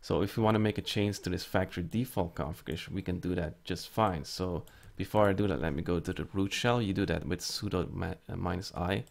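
A man's voice: low-pitched, fairly quick, vocal fry, hardly any pauses. A man giving a casual step-by-step screen-recorded tech tutorial, explaining as he types commands with frequent fillers. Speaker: network tutorial presenter.

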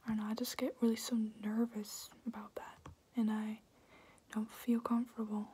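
A young adult woman whispering softly and close up in a hesitant, rambling, casual ASMR question-and-answer style. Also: a little high, flat delivery, normal speed. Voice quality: breathy, unvoiced whisper. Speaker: ASMR video creator. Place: small room indoors, at home.

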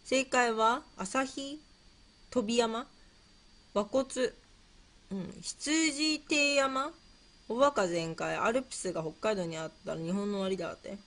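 A bright, lively woman streamer with a fairly high pitch speaks at a measured pace during casual livestream chat. Playful and scatterbrained, she answers quiz questions, reads viewer comments, muses aloud, and repeats herself.

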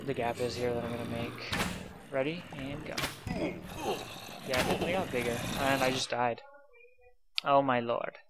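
A man's voice: medium pitch, a bit bright, a little hiss or hum. A man giving casual gameplay commentary, exasperated, muttering to himself and sighing often. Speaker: let's play commentator.

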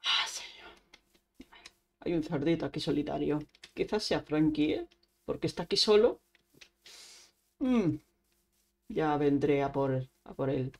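A woman's voice: low-pitched, animated, a little slow, long pauses, dark tone. A woman, streaming Minecraft casually, chatting to herself and making little sound effects as she plays. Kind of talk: casual Minecraft let's play.

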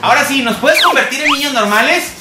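A woman with a Mexican accent, a clown host, acting out an excitable, playful children's skit and often breaking into shouts. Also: sits high, fast. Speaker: clown performer and show host. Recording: roomy room with music behind.

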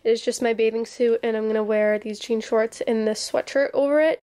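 A woman's voice: fairly high pitch, steady tone, fairly quick, mellow. A woman in her twenties chatting casually to her camera at arm's length in her bedroom, with lots of ums and likes. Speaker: vlogger. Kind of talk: casual vlog chat. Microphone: handheld camera at arm's length.

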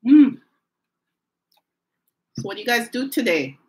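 A woman's voice: a little high, sing-song, a little slow, darkish tone, rough recording. A woman hosting a live stream from home, chatting casually, talking straight to her viewers and laughing often. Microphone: phone or camera mic on a live stream.

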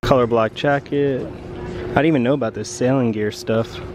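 A young man vlogging as he walks through mall stores with a handheld camera, talking in an excited, hyped sneakerhead way. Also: mid-range voice, moderate pace, very noisy. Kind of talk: casual shopping vlog. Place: large indoor retail stores at a mall.

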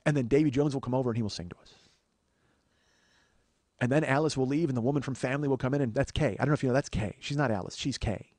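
A middle-aged comedy podcast host rambles casually and profanely in a comic monologue, breaking off into digressions and getting worked up. His voice is medium-pitched, fast and a little mellow, with no echo.

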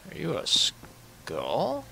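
Brief: a laid-back let's-play man, animated pitch, clear noise behind. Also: very slow. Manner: laid-back, muttering reactions. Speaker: gameplay commentator. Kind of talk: casual let's-play commentary.

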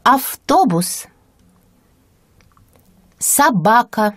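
A woman serving as the native-speaker model reader in a language lesson, pronouncing single words slowly with clear, deliberate enunciation. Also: a little high, big pitch swings, no echo, studio quality. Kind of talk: slow careful word-by-word reading.

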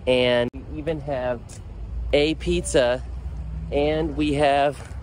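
A man's voice: a little high, fairly even intonation, slow, darkish tone, slight background noise. A man in his forties vlogging outdoors beside his motorcycle, telling the day's story in a wry, matter-of-fact way to a camera held at arm's length. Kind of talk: casual travel vlog. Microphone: phone or action camera at arm's length.

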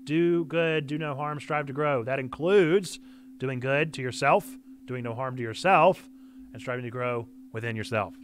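A man's voice: mid-range voice, moderate pace, slight background noise. A man in his thirties giving playful, theatrical live game commentary and reading on-screen text aloud, close on the mic. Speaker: game streamer. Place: small indoor streaming room. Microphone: close streaming microphone. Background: game music.

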